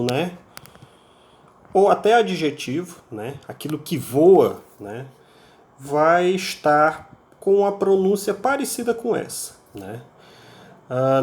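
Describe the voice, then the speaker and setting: A man's voice: fairly high pitch, darkish tone. A man with a Brazilian Portuguese accent teaching an English class, explaining patiently and repeating words over and over to drill pronunciation, often ending phrases with a checking tag. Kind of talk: recorded online English class.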